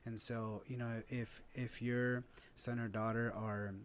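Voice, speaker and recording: A man's voice: medium pitch, level tone, unhurried. Thirtysomething guy talking parenting, earnest, keeps saying right?, bit of faint hiss behind. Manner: earnest, uses "right?" as a tag. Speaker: guest expert on parenting. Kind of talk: conversational explaining.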